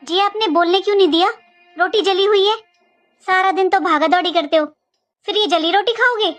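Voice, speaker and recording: A woman playing a middle-aged mother-in-law talks a lot in a very high voice. She scolds and lectures in a home comedy skit, and faint music runs behind her. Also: brisk, fairly bright tone. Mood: complaining. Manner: scolding, talkative. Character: middle-aged mother-in-law, sharp-tongued but caring.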